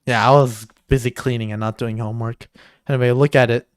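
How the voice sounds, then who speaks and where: A man co-hosting a livestream in casual chat, excitable and jokey, swearing now and then. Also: mid-range voice, fairly quick, clear, resonant tone, no room sound, clean studio sound. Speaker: stream co-host.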